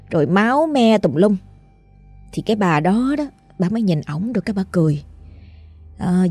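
A woman's voice: medium pitch, a little mellow, dry recording. Southern Vietnamese woman telling ghost stories. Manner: chatty, folksy storytelling. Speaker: storyteller. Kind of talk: ghost story narration.

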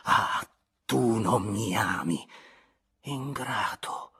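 A man's voice: lowish voice, drawn-out words, bright, forceful tone, heavily acted. A man voicing a pleading, tender noblewoman. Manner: pleading, often breathy and whispered. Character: anguished young noblewoman, tender yet wounded.

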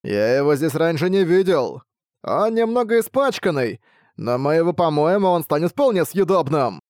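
Male reader voices a cowardly little bat servant for an audiobook, shrill, boastful, lively and high. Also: normal speed, no room sound, studio quality. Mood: gleeful. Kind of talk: audiobook reading.

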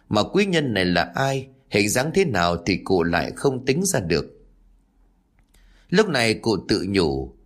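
A man narrating a ghost story in a measured, expressive way, as the storyteller of the channel. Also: mid-range voice.

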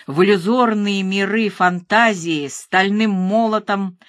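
A woman narrating a thriller audiobook in a measured, even reading. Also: medium pitch, no echo, studio quality.

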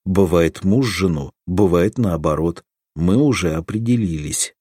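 A man reading a modern man's lines in an audiobook with a dry, deadpan manner. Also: deep voice, a little slow, slightly rough, no echo. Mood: wry.

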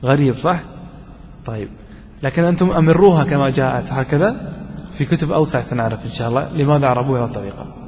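A man's voice: medium pitch, a little mellow. Man teaching grammar in an echoing hall. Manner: checks the class with quick questions, repeats examples slowly. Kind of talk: classroom lesson. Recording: dull lo-fi recording in a hall with long reverb.

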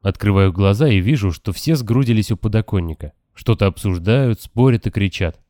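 A man reading a novel aloud in calm, even first-person audiobook narration. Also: on the low side, moderate pace, dry recording, clean studio sound. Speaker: audiobook reader. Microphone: close, dry home recording.

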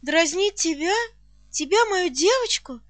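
A woman's voice: very high voice, animated, measured pace, no room sound. A woman doing a solemn, tender little girl. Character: gentle serious rich girl, orphan's friend.

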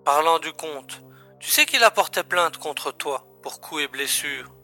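In a science-fiction audio drama, a man plays a calm, matter-of-fact secret agent colleague giving a briefing and explaining things in a familiar way. His voice is fairly high and a little slow, and the performance is heavily acted. Faint music plays behind him.

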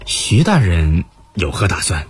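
A scheming court official. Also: male voice, low-pitched, sing-song, unhurried, a little hiss or hum. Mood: worried. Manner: fawning to superiors, bitter and plotting. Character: scheming male court official, servile yet vengeful. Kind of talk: radio drama acting.

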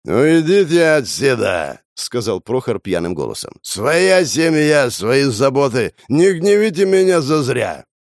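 An actor playing a cornered male killer who fakes being drunk, shouting slowly in a radio play. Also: mid-range voice, sing-song, dry recording, studio quality. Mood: drunken bluster. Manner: loud, slow, drunken bluster.

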